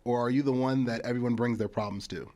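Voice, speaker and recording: A man hosting a podcast interview in a relaxed, upbeat way, often repeating his catchphrases and laughing. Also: medium pitch, quick pace. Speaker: podcast host. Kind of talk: casual interview chat.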